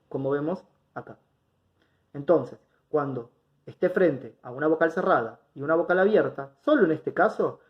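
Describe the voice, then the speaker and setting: A man teaching an online grammar lesson, explaining step by step and often checking in with his students. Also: sits high. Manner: patient, explanatory, checks in with students with rhetorical questions. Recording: dull lo-fi recording.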